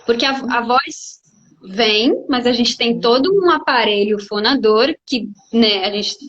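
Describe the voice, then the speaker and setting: A woman with a Brazilian accent, a voice actress, chatting casually and telling lively stories about her training. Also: on the high side, unhurried, muffled recording, slight background noise. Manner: lively, anecdotal storytelling. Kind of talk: casual chat.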